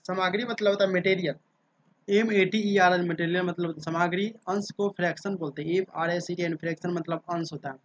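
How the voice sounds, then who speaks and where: High-voiced man teaching English words. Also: fairly even intonation, a little fast, no echo. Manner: drills words by spelling them out letter by letter; repetitive, checks in with listeners often. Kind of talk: casual spoken lesson. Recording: dull, dry lo-fi sound.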